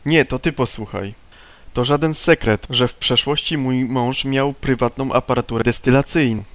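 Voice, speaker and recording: A man reading the lines of a prim middle-aged woman who leads a temperance union, a little higher and louder than his own voice. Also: normal speed, close to an everyday voice. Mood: indignant. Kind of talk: reading game dialogue aloud.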